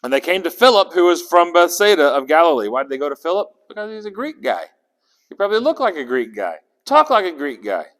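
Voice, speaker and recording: A man runs a Bible study in a hall with a long echo, chatting casually, quizzing his group and restarting words as he goes. His voice is fairly high and a bit bright, swinging widely in pitch, and he talks fast.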